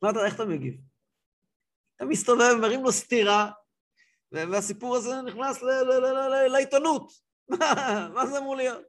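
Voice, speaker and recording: A man teaching a religious class as a rabbi, telling stories in an animated way and acting out scenes. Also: very high-pitched. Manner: animated, acts out scenes, repeats words. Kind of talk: lively storytelling lesson.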